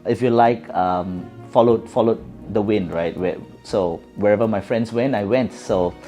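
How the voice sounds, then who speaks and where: A middle-aged Singaporean man with a Singaporean English accent gives thoughtful answers as an interview guest, full of fillers and restarts. His voice is on the low side, warm, and measured in pace, with soft background music playing.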